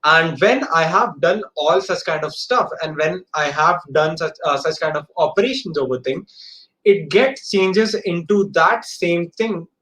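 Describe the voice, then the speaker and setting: A man's voice: fairly high pitch, a little slow, fairly bright tone, poor audio. A man with an Indian accent teaching an informal live coding lesson, often repeating phrases and checking that students follow. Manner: repeats phrases, checks understanding with short tags.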